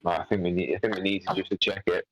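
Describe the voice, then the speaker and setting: A man's voice: low voice, level tone, rapid-fire, a bit bright, a little hiss or hum, low-quality recording. A man playing a tabletop game on a headset, asking questions hesitantly and stumbling over his words. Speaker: player.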